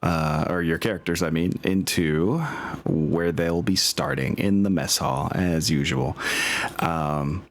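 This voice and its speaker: A deep-voiced man, game master and host of a tabletop campaign, chats casually and slowly over online voice chat while setting up the game. His talk is informal and slangy, with an apologetic streak.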